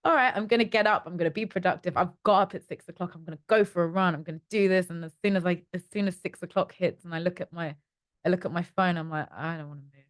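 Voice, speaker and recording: A woman's voice: on the low side, fast talker, no room sound. Chatty London woman, dry close sound. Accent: London English. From East London, England. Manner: chatty, animated storytelling with acted-out inner voices. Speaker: startup co-founder, guest. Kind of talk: casual interview chat.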